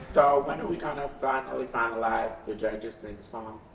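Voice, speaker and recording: A man's voice: mid-range voice, normal speed, vocal fry, background noise. A man in casual chat with housemates. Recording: distant roomy echo, music behind.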